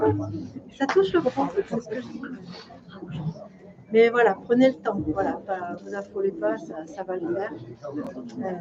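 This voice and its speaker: A woman giving live readings as a medium, speaking spontaneously in short, repeated, reassuring fragments. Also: on the high side. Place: public hall with audience. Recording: dull sound, loud crowd noise. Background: loud crowd.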